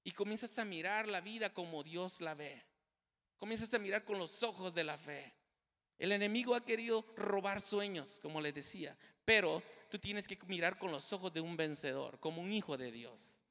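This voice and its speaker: Male pastor, high bright voice, emphatic sermon delivery with repeated phrases, long church reverb. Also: normal speed. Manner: emphatic, repeats key phrases, addresses the congregation directly. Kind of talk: preaching a sermon. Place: church sanctuary.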